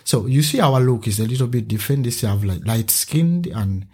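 Man from Uganda, husky voice, lively storytelling guest. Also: normal speed. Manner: animated storyteller, acts out a child's voice with a higher pitch. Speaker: teacher and podcast guest. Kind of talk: conversational interview.

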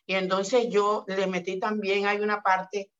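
A woman's voice: medium pitch, level tone, measured pace, muffled recording. A woman from Palenque, Colombia, telling stories in a casual interview as a dance group director, calling the listener "mijo" and "mi amor". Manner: warm affectionate storytelling, says "mijo" and "mi amor". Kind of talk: casual interview talk with sung excerpts.

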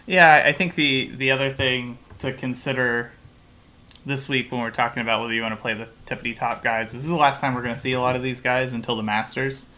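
Bright-voiced man talking golf odds. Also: medium pitch, fairly even intonation, fairly quick. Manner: rambling, restarts often, analytical. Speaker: podcast co-host. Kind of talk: casual sports betting chat.

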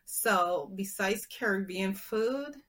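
A woman from Barbados with a Barbadian accent, chatting as a guest in an interview in a measured, upbeat way. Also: mid-range voice, lively intonation, a bit bright. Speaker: guest entrepreneur. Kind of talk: casual interview chat.

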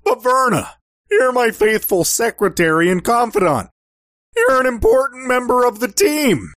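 A dopey, good-natured gumshoe for a radio comedy. His cartoonish exclamations leap up and down in pitch. The sound is dry. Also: big pitch swings, moderate pace, a bit bright, dry recording, heavily acted. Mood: protesting. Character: dopey, good-natured male discount private detective. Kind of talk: comic radio-play acting.

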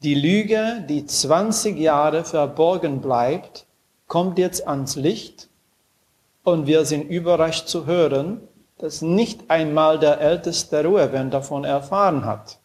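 A man reading a scripture passage and commenting on it in a measured, earnest way, with dramatic pauses. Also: fairly high pitch, a little mellow.

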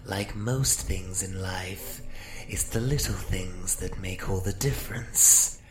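A man's voice: low voice, slow. A man playing a sardonic, theatrical psychic magic-user, narrating an audio drama with wry mock politeness. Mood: wry, boastful. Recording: roomy echo, faint noise.

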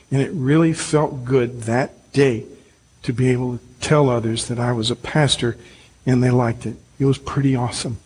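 With a medium-pitched voice and slight background noise, an older pastor preaches earnestly in a conversational style, speaking straight to his congregation.

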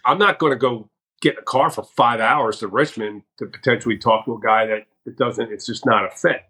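A man's voice: medium pitch, a little fast, pushed and bright, poor audio. A man from the US Northeast telling blunt, conversational sales stories on a podcast. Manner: blunt, conversational, acts out his own quoted lines. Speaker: sales guest. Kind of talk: casual podcast storytelling.

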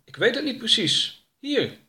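A man's voice: very high-pitched, sing-song, unhurried, bright, forceful tone, voice pushed up, full character voice. A man voicing an eager, obedient young man in a storybook reading, deferential to his boss.

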